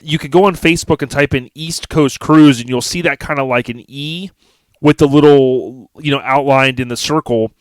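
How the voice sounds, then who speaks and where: An American man hosts a podcast in a relaxed, enthusiastic way, often turning to address his audience directly. His voice sits at a medium pitch and the recording is very dry, with no room sound. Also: moderate pace, no echo. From United States. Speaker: podcast host. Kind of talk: casual chat.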